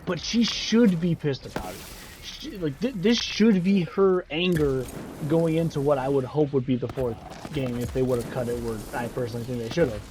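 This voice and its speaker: Rambling frustrated gaming host. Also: male voice, medium pitch, normal speed, a little mellow, a little hiss or hum. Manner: frustrated, rambling, frequent sighs. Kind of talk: casual game commentary.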